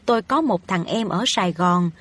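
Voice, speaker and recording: A woman's voice: lowish voice, lively intonation, normal speed, voice pushed down. Woman reading as a pleading poor widow. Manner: pleading, anxious. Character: poor widowed peasant mother, humble and pleading. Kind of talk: audiobook reading of a novel.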